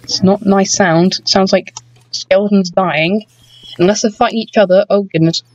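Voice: mid-range voice, steady tone, normal speed. A gaming host giving chatty, rambling let's-play commentary, full of ums and asides to viewers. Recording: dull, dry lo-fi home recording.

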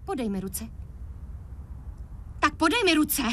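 An actress playing a feisty, quick-tempered young woman in a dubbed TV drama. She speaks in a bossy, indignant way. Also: sits high, big pitch swings, a bit bright, full character voice.

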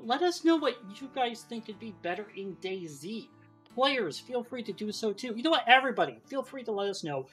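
A podcast host in a casual show chat, playful and animated, laughing often. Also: medium pitch.

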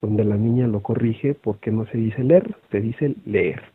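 A male teacher with a Mexican accent presents online to other teachers, speaking conversationally with lots of fillers and tag questions. His voice is on the low side and breathy, with a steady tone at normal speed. The recording sounds phone-like and thin, without echo.

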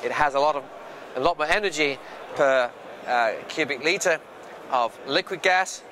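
An older man speaking to camera at a trade fair, explaining energy trends in a measured way with occasional hesitations, recorded on a lapel mic. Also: on the high side, noisy background. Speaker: futurist speaker. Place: large indoor trade fair hall.

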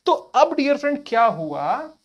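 A man's voice: extremely high pitch, sing-song, measured pace, highs cut off, slight background noise. A male teacher giving an exam-prep lecture in a conversational way, often asking rhetorical questions and addressing students casually. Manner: colloquial address to listeners.

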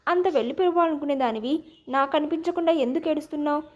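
A woman reads the lines of a young husband in an audio storybook, playful and pleading as he tries to win his wife back. His voice sits high, since she keeps her own pitch for the man. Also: fast, darkish tone, natural voice. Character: young adult man, a teasing, exasperated husband and father.

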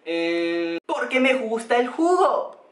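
A man's voice: extremely high pitch, takes it slowly, heavy background noise. A teenage boy from El Salvador with a Salvadoran Spanish accent, joking playfully through a comic vlog monologue in his bedroom, filmed by a camera a few steps away. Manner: playful, joking, lively gestures. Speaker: vlogger. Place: bedroom, indoors. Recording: roomy bedroom echo.

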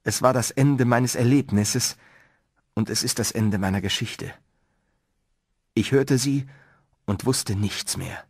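A man's voice: medium pitch, slow, pauses often, slightly rough, no echo, clean studio sound. A man narrating a horror story in a dramatic, tense reading style. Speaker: audiobook narrator.

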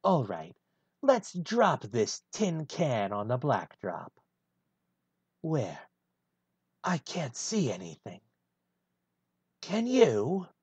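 Gruff male hedgehog antihero voiced by a man, lively swings in pitch, dull dry home recording. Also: extremely slow, long pauses, no room sound, exaggerated voice. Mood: brooding deadpan. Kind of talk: one-take fan voice reading of a film script.

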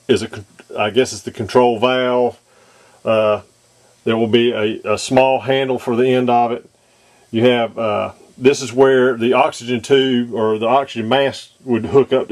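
A man talking through a model aircraft cockpit install at his workbench, off camera, pausing often with ums and restarts. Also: medium pitch, darkish tone. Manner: hesitant, many ums and restarts. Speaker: model kit maker demonstrating installation. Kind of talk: casual how-to demonstration.

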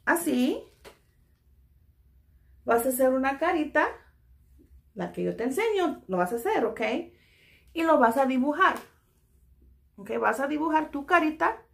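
A woman teaching a children's drawing lesson, gently checking in with "ok" after each step and slipping English "so" into her Spanish. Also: fairly high pitch, creaky. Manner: soothing, talks to toy friends.

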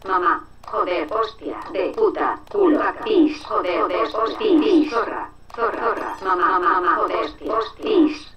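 A small cartoon kid bursts out swear word after swear word, voiced by a woman. The pitch leaps all over and the delivery is slow and halting. The sound is distant, with clear noise behind. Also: very animated. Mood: cursing. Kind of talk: game dub acting. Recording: distant game audio with noise.

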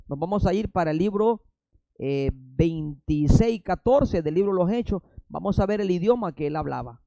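A man's voice: high-pitched, warm tone, no echo, highs cut off. A man preaching a fiery sermon with a Salvadoran Spanish accent, firing rhetorical questions and breaking in with emphatic interjections.

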